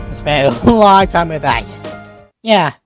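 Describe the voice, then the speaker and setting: A woman giving casual Let's Play commentary, jokey and sweary as she reacts out loud, with game music behind her. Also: fairly low pitch, sing-song, unhurried. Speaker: gaming video host. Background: video game music.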